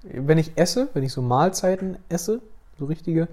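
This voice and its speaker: A woman co-hosting a podcast, telling a story in a deadpan, mock-dramatic way. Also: low-pitched, moderate pace. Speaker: podcast co-host. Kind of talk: casual podcast chat.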